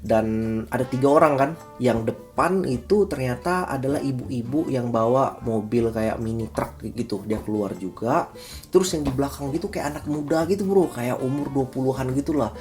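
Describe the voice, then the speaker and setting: Chatty man telling a story over faint guitar. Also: mid-range voice. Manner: chatty, slangy, animated retelling with acted quotes. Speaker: vlogger. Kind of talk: casual storytelling to camera. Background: faint guitar music.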